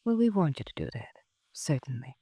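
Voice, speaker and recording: An actress playing a patient hospital nursing sister in a 1950s radio drama, hushed and gently coaxing. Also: female voice, very deep voice, sing-song, brisk, slightly rough, no echo, studio quality, exaggerated voice. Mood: hushed concern.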